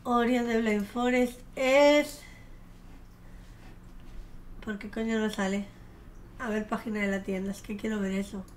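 A young woman streamer gives chatty commentary on a game she's playing, swearing casually and bursting into gushing squeals of delight. Her voice is medium-pitched and steady, at a measured pace with long pauses. Faint game music and slight background noise sit behind her.

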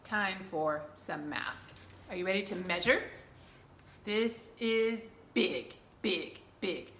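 A middle-aged woman, working as a children's librarian, leads a toddler storytime, reading aloud and counting along in short, simple, repeated phrases. Her voice is medium-pitched and she takes her time. The small indoor room with a curtain backdrop sounds echoey, and background noise is clearly audible.

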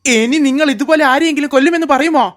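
A woman voicing a threatening adult householder in a cartoon, talking in a gruff, menacing way. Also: high-pitched, fast talker, background noise, lightly acted. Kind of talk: cartoon voice acting.

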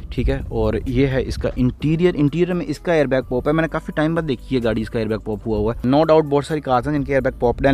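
Holding a phone camera, a man with a Pakistani Urdu accent and medium-pitched voice vlogs his way around an open-air car auction yard. His casual walk-and-talk is talkative and enthusiastic, full of exclamations about the cars.

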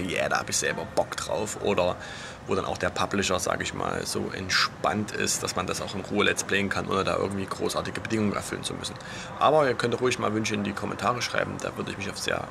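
Hushed, creaky young man, low undertone. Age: young adult. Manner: hushed, speaking in a low undertone close to a whisper. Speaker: gaming vlogger. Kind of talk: casual vlog chat. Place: outdoors on an apartment balcony. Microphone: camera at arm's length. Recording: clear outdoor street noise.

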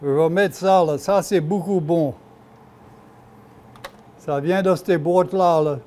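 Here an old Cajun storyteller, at least in his 70s, demonstrates his home cooking in a relaxed way, using plain, folksy little phrases. He talks a little slowly, with a warm voice on the high side. Recorded on a lapel mic indoors in a home kitchen, with room and kitchen sounds plainly audible.

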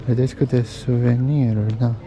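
A man's voice: medium pitch, flat delivery. A man vlogging casually as he walks through an old town, pointing out sights, food and prices. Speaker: travel vlogger. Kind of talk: casual walking-tour commentary. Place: outdoors in a pedestrian old town. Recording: lo-fi outdoor recording with street noise.

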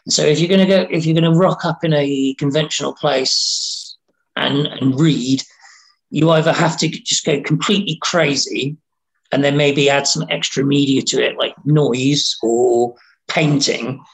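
A man from Wales, a writer and interview guest, talking in a casual, halting way, restarting and repeating words as he thinks. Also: on the high side, steady tone, creaky, poor audio. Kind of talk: casual conversation.

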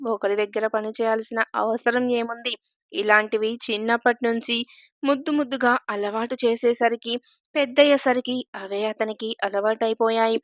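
A woman narrating a scripted family drama with steady, dramatic storytelling. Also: fairly high pitch, no room sound.

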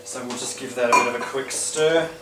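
A man playing a glamorous, genteel lady who hosts a home cooking demonstration with theatrical, drawn-out phrasing. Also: medium pitch, steady tone, heavy background noise, lightly acted. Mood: poised, instructive. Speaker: cooking show host. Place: indoor home kitchen. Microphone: distant camera microphone. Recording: roomy kitchen, distant mic, clattering dishes.

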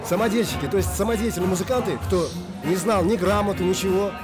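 An older man, a musician, talks in a casual interview in an animated way and sometimes stumbles over his words. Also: high-pitched, quick pace, over music.

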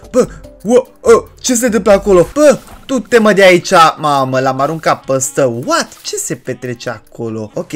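A gaming channel host giving loud, chatty let's play commentary, often breaking into shouted exclamations and chatting to the game's characters. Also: mid-range voice. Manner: chatty, addresses viewers and game characters. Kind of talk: excitable horror-game let's play commentary.

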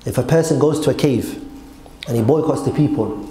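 A man's voice: medium pitch, fairly quick, warm tone. Man lecturing, echoey room. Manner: emphatic, conversational, with rhetorical questions and check-ins to listeners. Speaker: Islamic teacher. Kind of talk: religious lecture explaining a text to a class. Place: seated at a desk in a hall indoors. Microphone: gooseneck desk microphone. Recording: echoey room with faint background noise.

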